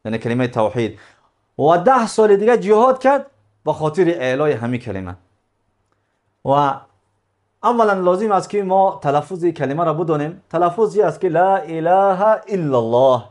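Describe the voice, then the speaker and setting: A high-pitched man teaches a religious lesson step by step, repeating key phrases and answering his own questions.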